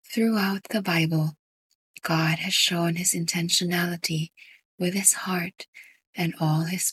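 A woman guiding a sleep meditation in a soft, breathy whisper. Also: fairly low pitch, dry recording. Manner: slow, soft whispered delivery. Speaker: meditation guide.

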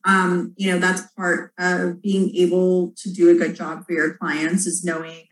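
Lively woman storyteller in an echoey room. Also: lowish voice, a little slow. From Houston, Texas. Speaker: public relations agency owner. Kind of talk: casual interview answers.

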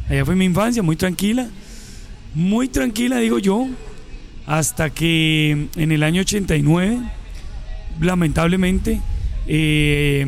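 Gravelly Colombian man telling stories. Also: on the high side. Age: 40s. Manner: relaxed storyteller, mixes local slang. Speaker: guest. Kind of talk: casual interview storytelling.

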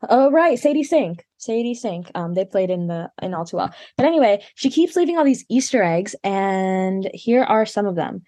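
A woman's voice: medium pitch, expressive, normal speed, hardly any pauses, warm tone, no echo. A woman vlogging in casual chat, rambling with lots of fillers and restarts.

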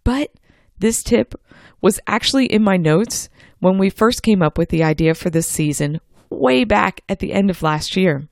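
Middle aged lady doing a scripted science explainer, upbeat and encouraging host, bit of vocal fry, dry sound. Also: mid-range voice, expressive, normal speed, a little mellow, no echo. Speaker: host of a homeschool science show. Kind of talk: scripted podcast narration, instructional.

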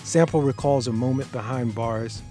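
A man narrating a documentary in a measured, scripted, explanatory way. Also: medium pitch, dark tone, faint music behind.

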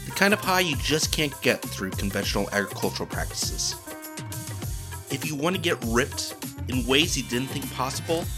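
A man's voice: mid-range voice, lively intonation, normal speed, close to an everyday voice. A man voicing a disembodied brain in a jar who hosts eerie audio tales, a theatrical, sly showman. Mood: salesy. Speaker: host. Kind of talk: scripted podcast narration. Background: music.

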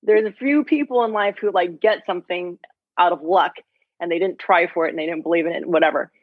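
A woman in her forties talks in a lively, rambling way, packed with "like" and "you know". Her voice comes through a thin, tinny line that sounds phone-like. The sound is dry, with no room around it. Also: fairly low pitch, brisk, slightly rough, no room sound. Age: 40s. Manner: chatty, filler-heavy, animated retelling. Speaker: health coach, guest. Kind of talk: candid interview storytelling.

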